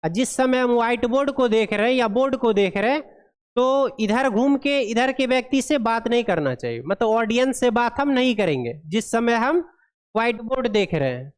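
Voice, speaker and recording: A woman lecturing a class, reading English points slowly and explaining them with frequent checks on the students. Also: on the high side, expressive, clean tone. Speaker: pharmacy lecturer. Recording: long hall reverb.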